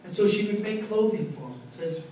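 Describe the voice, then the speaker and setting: A man preaching a sermon as pastor, telling animated stories with sudden loud bursts, heard from far off in a church sanctuary. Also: sits high, brisk, heavy reverb, a little hiss or hum.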